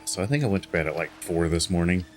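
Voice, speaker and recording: Tired male streamer, very low voice, rambling home chat with faint music behind. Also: animated, fast. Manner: rambling, chatty, many fillers and restarts. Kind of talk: casual chat while gaming.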